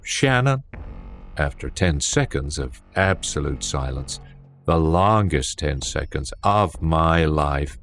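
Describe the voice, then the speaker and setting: A man's voice: extremely low pitch, takes it slowly, fairly bright tone. A man narrating a horror story with a tense, dramatic reading. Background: faint music.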